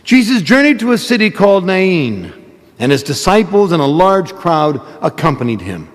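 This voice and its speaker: A man's voice: high voice, very animated, normal speed. A male priest reading the gospel and giving a homily in a chatty, self-mocking storytelling manner, recorded in a church with a long cathedral-like reverb.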